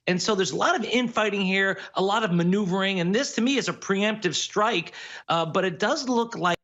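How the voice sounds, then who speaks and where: A man giving legal analysis in a television news interview, explaining the case in quick, measured commentary. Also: sits high, fairly bright tone, dull audio.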